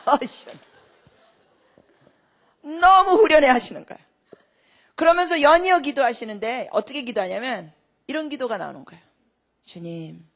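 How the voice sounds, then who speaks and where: A woman preaching a sermon. She tells stories and asks the congregation questions, swinging between loud emphatic lines and hushed whispers. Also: high voice. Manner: storytelling with rhetorical questions to the congregation.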